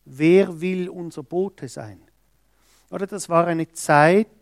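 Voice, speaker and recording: A man's voice: on the high side, dry recording, studio quality. A man preaching a sermon, reading scripture and stressing quoted words with emphasis. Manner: slow, emphatic, acts out quoted speech.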